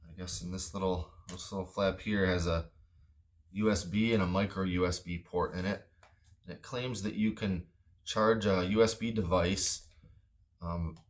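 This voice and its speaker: In a deep voice, a man talks about a product without any script, sounding casual. He comes across as plain and a bit hesitant, keeping his delivery low-key.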